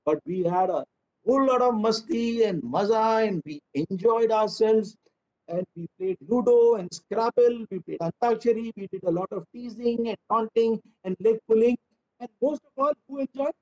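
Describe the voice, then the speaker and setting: A man's voice: high-pitched, moderate pace, darkish tone. A man in his fifties with an Indian English accent, a children's author giving a chatty, humorous storytelling talk. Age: 50s. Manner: chatty, humorous, mixes in Hindi. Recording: dull lo-fi recording.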